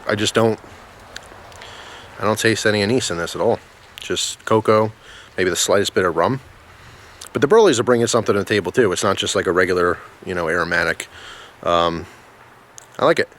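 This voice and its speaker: A man with a notably deep voice talks through a casual review outdoors. His delivery is informal and halting, wandering from one thought to the next as he goes. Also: a bit bright, a little hiss or hum. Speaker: pipe tobacco reviewer. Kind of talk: casual product review vlog. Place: outdoors in the snow in winter.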